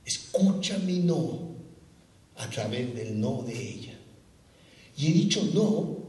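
A man voicing God as a calm inner voice, speaking low and hushed, in an echoey hall. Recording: echoey hall, far from mic.

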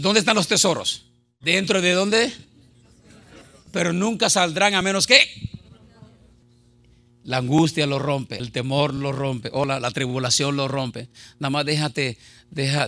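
A man's voice: medium pitch, gravelly, sharp tone. A middle-aged male pastor preaching a sermon in an impassioned, conversational way, full of rhetorical questions.

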